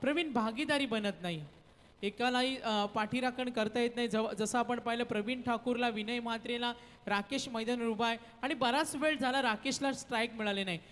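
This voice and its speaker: A man's voice: very high voice, fairly quick, fairly bright tone. A man giving live cricket commentary and calling out the score. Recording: long reverb, like a PA system.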